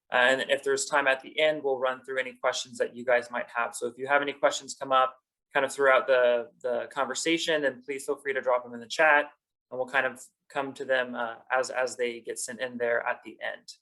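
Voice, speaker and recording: A man's voice: mid-range voice, sharp tone, poor audio. A man working as a career counselor, hosting a webinar in an upbeat, organized way over a video call.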